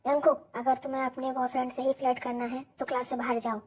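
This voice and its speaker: Stern female teacher, voiced by a woman, fast scolding delivery, mellow husky tone. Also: sits high, little pitch movement.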